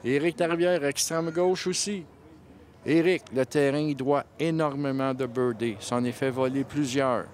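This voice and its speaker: A man's voice: mid-range voice, fairly even intonation, a little slow, darkish tone, slight background noise. A man with a Quebec French accent giving analytical live colour commentary on mini-putt, explaining shots and scores.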